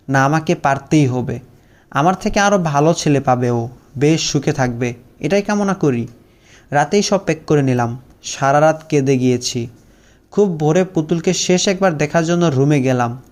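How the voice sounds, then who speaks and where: A man's voice: on the high side, darkish tone. Sorrowful young male storyteller. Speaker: narrator. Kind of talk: first-person scripted story narration.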